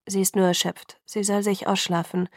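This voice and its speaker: A calm older country doctor with grey brows, read by a woman, soothing and measured. The voice has a faint gravelly grain and is recorded close and dry. He explains things plainly and without hurry. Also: mid-range voice, no echo, lightly acted.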